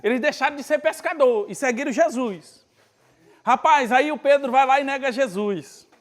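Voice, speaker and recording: High-voiced Brazilian pastor preaching casually. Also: male voice, moderate pace. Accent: Brazilian Portuguese, northeastern. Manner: conversational preaching with lively acted-out Bible scenes. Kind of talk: sermon at a spiritual retreat.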